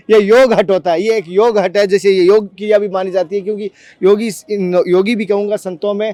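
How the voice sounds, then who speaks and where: A devotional vlogger and interviewer speaks in a high, light, slightly mellow voice, recorded close and dry with no room echo. Earnest and fervent, he keeps returning to the same points and addresses his viewers as friends.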